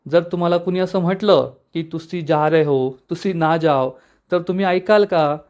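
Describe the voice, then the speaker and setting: A man's voice: on the high side, moderate pace, a little mellow, close to an everyday voice. A man voicing a sad young husband coaxing his wife to stay. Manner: sorrowful, coaxing.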